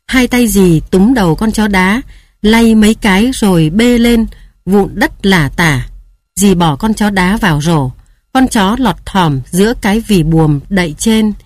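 Woman narrator for a storybook memoir, calm and measured, dry close mic. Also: medium pitch, no echo.

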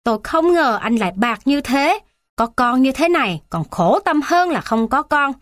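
A woman's voice: sits high, big pitch swings, normal speed, dry recording, clean studio sound, pitched above the performer's own voice. A woman voicing an aggrieved elderly grandmother who pleads and protests with indignant, plaintive lines.

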